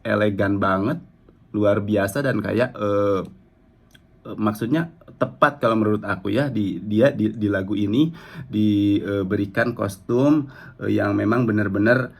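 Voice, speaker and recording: A man's voice: fairly low pitch, a little slow, vocal fry. A young man giving casual reaction commentary on a cover song, rambling and full of fillers as he praises the singer. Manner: rambling, frequent "eh" fillers and "gitu" tags, enthusiastic praise. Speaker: music reaction vlogger.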